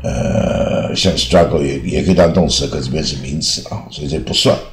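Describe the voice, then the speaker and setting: A man teaching English over slides in Taiwanese-accented Mandarin, unhurried, with many drawn-out filler sounds. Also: a bass voice. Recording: echoey room.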